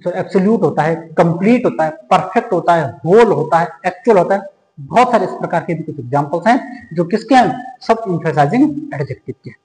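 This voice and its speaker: A man teaching English grammar in a lesson that mixes Hindi and English. He asks the class questions and answers them himself, saying the English examples slowly before explaining them quickly. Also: high-pitched, expressive, a little mellow, echoey room, big-room sound, low-quality recording.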